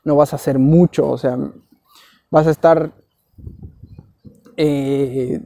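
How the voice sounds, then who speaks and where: A man's voice: a little high, fairly even intonation, takes it slowly, warm tone. A young Mexican man with a Mexican Spanish accent, giving rambling, slang-filled casual advice in a vlog. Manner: slangy, rambling, keeps saying güey. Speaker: vlogger.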